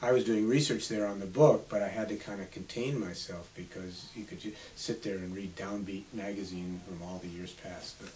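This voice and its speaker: Older man reminiscing, slightly low voice. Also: fairly even intonation, darkish tone. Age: 70s. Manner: reminiscing, unhurried storytelling. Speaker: author guest. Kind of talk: radio interview. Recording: slightly distant mic with faint hiss.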